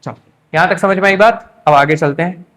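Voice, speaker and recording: A young man with a somewhat high voice gives an exam-prep English lesson. His is clear as he keeps quizzing students with rhetorical questions and answering them himself. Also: brisk, a bit bright. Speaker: English teacher.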